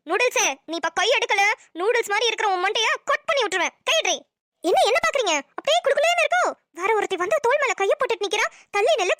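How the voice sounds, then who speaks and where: A woman's voice: very high-pitched, a bit bright, dry recording, studio quality. A woman voicing a hot-tempered young wife in a cartoon, a medical student who scolds and threatens sharply. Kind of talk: cartoon voice acting.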